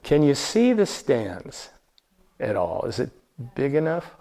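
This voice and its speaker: A man's voice: mid-range voice, huge pitch swings, slow, warm tone. A man presenting a slideshow travel talk to a live audience, conversational, asking the room questions and often restarting his sentences.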